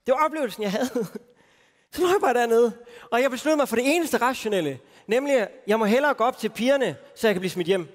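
A man with a high voice tells a personal faith story as a sermon, informal and self-mocking, full of fillers. He speaks from a festival stage, and his voice rings with a long hall reverb. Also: lively intonation. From Denmark.

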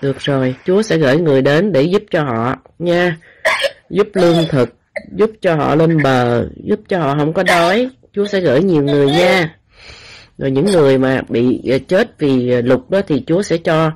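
An older woman acting as a spiritual medium, speaking gently and repeating the child's words back in a soothing prayer session. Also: low voice, expressive, moderate pace. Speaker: spiritual medium praying for the dead.

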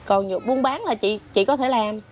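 A woman's voice: fairly high pitch, normal speed. A woman, telling her family's story in casual chat. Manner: animated storytelling with laughs. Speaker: interviewee.

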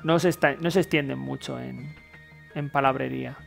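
A man's voice: mid-range voice, steady tone, normal speed, creaky. A man with a Castilian Spanish accent giving casual gameplay commentary, informal and thinking aloud. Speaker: video game player and commentator. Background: game music.

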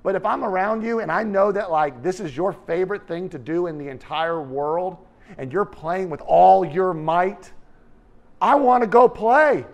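A middle-aged male pastor delivers a sermon in a church hall, speaking into a headset mic. His voice sits a bit high for a man, and he is animated, jumping from loud, emphatic lines to soft, hushed asides. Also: a little slow.

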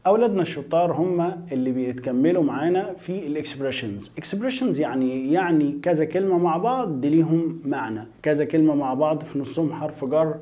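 A man's voice: on the high side, dark tone. Egyptian man drilling English vocabulary. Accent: Egyptian Arabic. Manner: drills each English word several times, then glosses it in Arabic; slow, drawn-out pronunciation of definitions. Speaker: English teacher. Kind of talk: vocabulary lesson, repeating words for pupils to echo.

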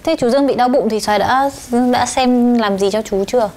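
A woman's voice: fairly high pitch, a little fast, background noise. A woman talking patiently with a young child, coaxing and reassuring. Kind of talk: gentle talk with a young child. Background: background music.

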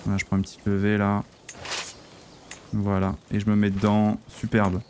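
A man streaming a strategy-game role-play, talking through his moves in an excitable, exclamatory way. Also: fairly low pitch, normal speed, background noise. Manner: excitable, exclamatory, thinks aloud.

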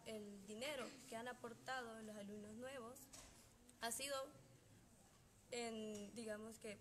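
A young woman with a Salvadoran accent, a band member giving an indignant, heartfelt public statement with pauses and fillers. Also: fairly high pitch, noisy background.

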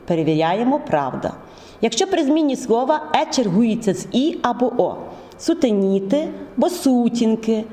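A woman teacher explaining spelling rules step by step, in a measured, methodical way. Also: medium pitch, warm tone. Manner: measured, methodical, drawn-out words. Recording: echoey room with long reverb.

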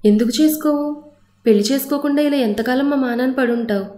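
A woman's voice: sits high, quick pace, warm tone, echoey room, soft background music, natural voice. A woman storyteller voicing a worried middle-aged mother whose scolding voice trembles with grief.

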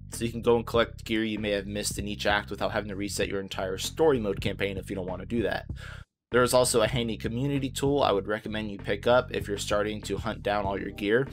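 A man narrating a casual video game guide as host, informal, easygoing and reassuring in how he talks. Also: lowish voice.

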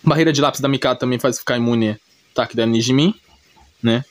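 Speaking fast in a mid-range voice, a Brazilian-accented video creator recaps an anime with casual, off-the-cuff commentary. He repeats himself, talks colloquially, and often tacks on small check-in tags; there's no room sound.

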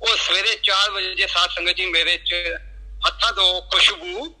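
Recounting a personal satsang experience to his congregation, a middle-aged man acts out the dialogue between himself and others. He speaks in a high-pitched, sharp, steady tone at a moderate pace, captured in low-quality audio.

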